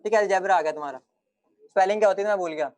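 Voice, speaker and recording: A man's voice: sits high, very fast, a little mellow. A young male teacher giving a classroom lecture, joking with his students and then firmly explaining points.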